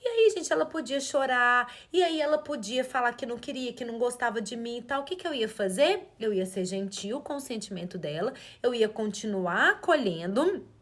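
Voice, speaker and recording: A woman's voice: fairly high pitch, animated, normal speed, few pauses, a bit bright. A woman, giving a live parenting talk in an earnest coaching way and asking rhetorical questions. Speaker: parenting educator.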